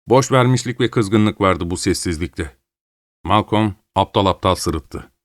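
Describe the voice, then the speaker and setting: Male audiobook narrator, low voice, dry booth sound. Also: measured pace, no echo. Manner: raises pitch for dialogue, steady narration between. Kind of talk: scripted narration of a novel, voicing all characters.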